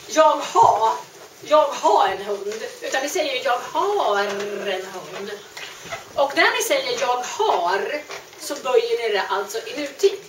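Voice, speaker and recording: A woman teaching French grammar, explaining patiently and repeating each word slowly. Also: high voice, fairly bright tone, slight background noise. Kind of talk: grammar lesson. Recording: echoey room, mic at a distance.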